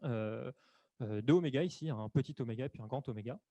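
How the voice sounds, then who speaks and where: Fast-talking man presenting a webinar. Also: medium pitch, dark tone, no room sound. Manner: hesitant, many fillers and self-corrections. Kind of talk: explanatory webinar talk. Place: room at home or office, on camera. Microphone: desk microphone.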